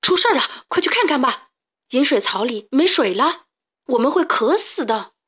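A woman voicing a nervous, excitable young chicken who talks in alarm. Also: sits high, normal speed, husky, full character voice.

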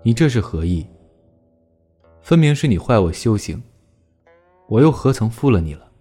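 A man's voice: lowish voice, very animated, normal speed, warm tone, breathy edge, soft background music. A man playing an indignant young monk. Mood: bewildered. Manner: angry, scolding. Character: young male Buddhist monk, frightened and indignant.

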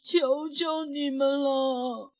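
Brief: big male bully rabbit, put on by a woman; storybook, blustering, slow, loud. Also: a little high, sing-song, slightly rough, full character voice. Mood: pleading.

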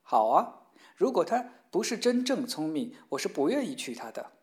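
A woman's voice: low-pitched, sing-song, normal speed, a little mellow, husky, exaggerated voice. A woman voicing a practical young suitor in a storybook tale, speaking in a matter-of-fact way.

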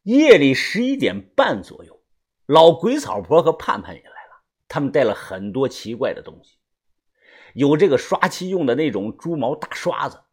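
A man's voice: medium pitch, very animated, breathy edge. A man narrating a novel as an audiobook, in a conversational storytelling manner with fillers. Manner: storytelling with frequent fillers and pauses.

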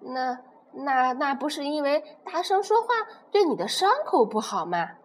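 A woman voicing a timid, kind little pterosaur boy in a children's storybook reading, high and stammering when scared. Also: big pitch swings, normal speed. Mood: nervous.

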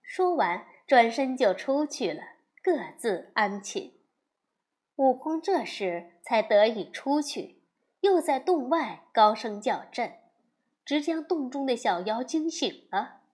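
A woman narrates a classic story slowly and expressively, with a lively voice that swings up and down. Her pitch sits a little on the high side, and she leans into each character.

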